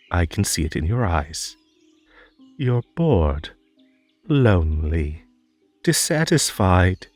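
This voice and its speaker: A man's voice: deep voice, dry recording, full character voice. A man playing a whimsical, lonely and possessive magical rabbit host in a roleplay audio drama, coaxing theatrically with stammers and nervous giggles.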